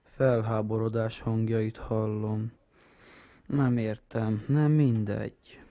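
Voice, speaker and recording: A gravelly, deadpan man played by an actor commentates on football in a comic radio sketch. He sounds indifferent and laconic, stating things in short halting phrases. The sound is dry and a little dull. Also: lowish voice, dry recording, natural voice. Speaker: sports commentator.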